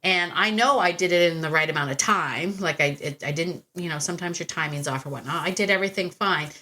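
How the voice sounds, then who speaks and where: A woman's voice: on the low side, brisk, bright, forceful tone. A woman dog trainer telling a story in a casual, chatty monologue, with many fillers and restarts.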